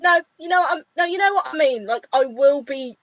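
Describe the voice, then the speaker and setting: Woman doing a doting young ship captain, earnest, pleading, high, dry close sound. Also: expressive, a little fast, dry recording, highs cut off. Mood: pleading, caring.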